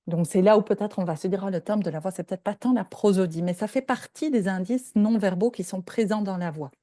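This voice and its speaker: A woman's voice: mid-range voice, brisk, mellow, no room sound, studio quality. An older woman from Belgium, a professor giving a lecture and explaining points step by step, often checking in with her listeners. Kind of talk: lecture presentation.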